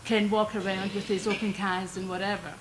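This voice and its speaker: A woman's voice: mid-range voice, little pitch movement, a little fast, noisy background. Chatty older Scottish woman. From Scotland. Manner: chatty, homely, lightly self-deprecating. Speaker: resident giving public comment. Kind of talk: public comment at a council meeting. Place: council meeting room.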